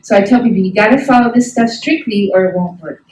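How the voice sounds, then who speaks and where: A woman's voice: medium pitch, quick pace, a little mellow, a little hiss or hum. A middle-aged woman teaching a health ministry class, folksy and emphatic, often asking the class questions. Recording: echoey room from a distant mic.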